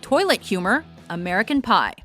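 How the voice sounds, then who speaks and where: A woman's voice: medium pitch, sing-song, moderate pace, sharp tone. A woman reading scripted countdown narration about films in a playful, punchy way. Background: music bed.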